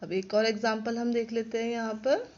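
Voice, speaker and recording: A female class teacher, giving a slow lesson to young pupils and repeating sounds and words clearly. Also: on the high side, fairly even intonation, darkish tone. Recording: dull lo-fi recording.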